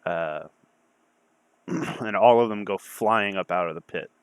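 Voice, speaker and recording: A man acting as game master, improvising narration for a tabletop game in an informal, halting way. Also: fairly low pitch, smooth, dry recording.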